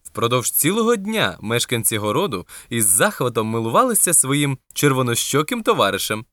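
A storyteller narrating a children's storybook in an expressive, gently paced reading. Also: mid-range voice, normal speed, no echo, studio quality.

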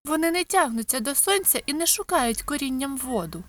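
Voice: high-pitched, animated, brisk, a bit bright, voice pushed up. A storyteller voicing a thoughtful young girl in a children's storybook reading. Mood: earnest.

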